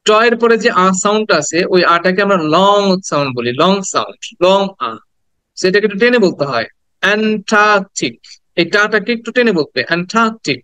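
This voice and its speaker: High-voiced man teaching English pronunciation. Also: animated, pushed and bright, smooth, no room sound, poor audio. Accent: Bangladeshi. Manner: mixes Bengali and English, repeats words slowly for students. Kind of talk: classroom pronunciation lesson.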